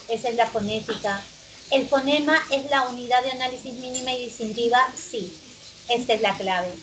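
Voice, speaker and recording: Woman, pre-university teacher, exam review, self-quizzing, brisk, higher voice, noisy background hiss. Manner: quizzes herself aloud, answers briskly. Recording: noisy recording with background hum.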